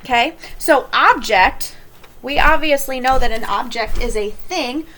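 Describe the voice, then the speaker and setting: A woman teacher giving a recorded lesson, explaining clearly and stretching key words slowly for emphasis. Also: sits high, bright, forceful tone, a little hiss or hum.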